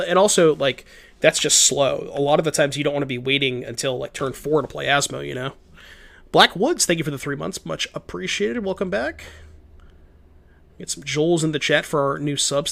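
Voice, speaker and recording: Streaming a card game, this young man talks to his chat in a creaky, fairly bright voice on the high side, at a moderate pace. He's stuffed up and his voice is a bit shot, and his casual commentary is chatty and full of restarts as he thinks aloud and reads messages.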